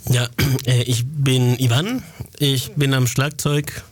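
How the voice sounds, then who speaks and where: A man's voice: medium pitch, fairly even intonation, slow, slight background noise. A man from Chile, a drummer, speaking hesitantly with many fillers. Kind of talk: casual interview talk.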